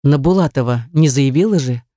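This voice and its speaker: Audiobook heavy: woman reader doing a snarling jealous young man, lowered voice, mellow and dry. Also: fairly quick, no room sound, close to an everyday voice. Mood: menacing. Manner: snarling, sneering. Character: menacing jealous young man, cruel and mocking.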